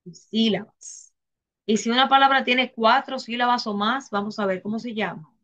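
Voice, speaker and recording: A woman teacher with a Dominican accent giving a grammar lesson in a classroom, talking slowly, repeating herself and putting questions to her students. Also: a little high, steady tone, fairly bright tone, muffled recording. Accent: Dominican Spanish.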